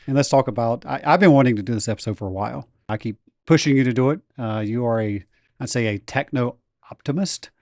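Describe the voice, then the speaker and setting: A man co-hosting a podcast in a teasing, easygoing way, laughing often as he talks. His voice sits at a middle pitch, and the sound is dry and close. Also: fast, darkish tone, no echo. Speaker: podcast co-host. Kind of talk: casual chat.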